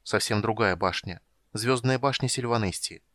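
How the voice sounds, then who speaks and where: A man reading an audiobook with steady, measured storytelling. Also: lowish voice, no room sound, studio quality. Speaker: audiobook reader. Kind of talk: scripted narration.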